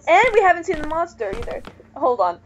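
A woman's voice: extremely high pitch, sing-song, a little fast, noisy background. A young woman hosting a let's play, chatting casually and exclaiming in alarm at the game. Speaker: let's play host, player. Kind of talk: casual gaming commentary.

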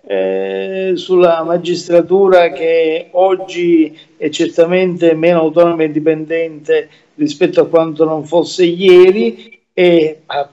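A man giving his views as a guest in a remote interview, speaking haltingly with many fillers and repeated words. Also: on the high side, dark tone, lo-fi sound.

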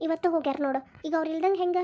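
A woman's voice: very high-pitched, racing, mellow, muffled recording. A woman voicing a homesick, weepy young pregnant wife, in a Dharwad Kannada accent. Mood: worried. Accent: North Karnataka (Dharwad) Kannada. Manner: weepy, plaintive.

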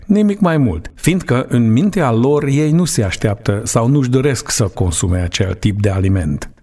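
A man in his thirties giving a scripted online lecture in a studio, in a measured, explanatory way. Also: medium pitch, a little mellow.

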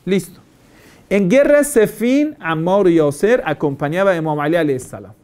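A man's voice: high voice, lively intonation, moderate pace, darkish tone. A male cleric gives a religious lecture, stressing his points with repeated phrases and rhetorical questions. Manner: asks many rhetorical questions. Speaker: Shia cleric.

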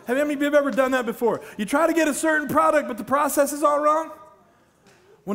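A man's voice: very high voice, creaky. A middle-aged man preaching a sermon on a large church stage, telling stories and joking with the congregation. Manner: storytelling, animated, jokes with the congregation. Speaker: pastor.

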